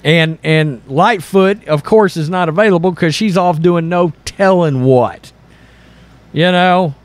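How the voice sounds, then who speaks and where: Speaking unhurriedly in a slightly high voice, the host of an online commentary channel reads out news stories. He reacts in a blunt, sarcastic, exasperated manner, turning it into opinionated political commentary.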